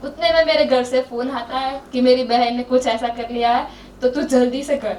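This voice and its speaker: A young woman with a high voice tells a personal story to a gathering and lays out each event in turn. She sounds earnest throughout. Her voice is picked up from a distance, with the echo of a large hall around it. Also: steady tone, normal speed, a little mellow, a little hiss or hum. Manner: earnest, retelling events step by step. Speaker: volunteer sharing an experience. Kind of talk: personal story told to a group. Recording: echoey hall, far from mic.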